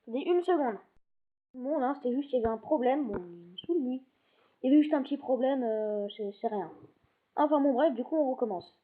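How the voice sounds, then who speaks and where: A woman's voice: high-pitched, lively intonation, brisk. A woman giving casual gameplay commentary, rambling and often cutting herself off mid-sentence. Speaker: gaming video host. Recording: tinny phone-like lo-fi recording.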